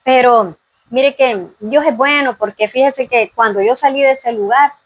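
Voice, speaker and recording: A woman's voice: sits high, measured pace, no room sound, rough recording. A woman giving an earnest faith testimony in an interview, full of fillers and "¿verdad?".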